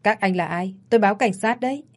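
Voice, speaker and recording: A woman's voice: mid-range voice, fast, close to an everyday voice. A woman voicing an old male cemetery caretaker questioning intruders in alarm.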